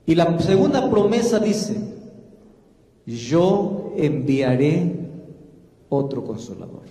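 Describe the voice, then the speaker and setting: A male pastor preaches with a warm, mellow voice pitched a little high. He draws out key phrases slowly and with emphasis. His voice rings through a reverberant church hall. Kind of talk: sermon.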